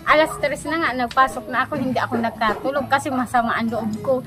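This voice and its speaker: Woman, interviewee, high voice, animated storyteller who laughs a lot; music bed underneath. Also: fast talker. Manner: animated, laughs often, keeps addressing the host. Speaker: interviewee telling a personal story. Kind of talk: casual storytelling chat.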